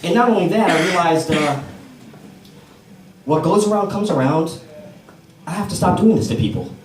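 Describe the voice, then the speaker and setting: A high, expressive male voice speaks at a moderate pace against background noise. He's an American stand-up doing an open mic set at a comedy club, easygoing in his storytelling and engaging the live crowd. The roomy recording is taken from a distance, with audience laughter.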